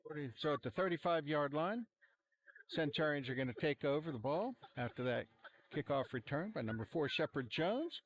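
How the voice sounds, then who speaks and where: A man calling a high school football game, relaxed and rambling with plenty of fillers. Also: moderate pace, dry recording. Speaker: play-by-play commentator. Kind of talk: amateur sports commentary. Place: outdoor football stadium sideline. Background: cheering fans.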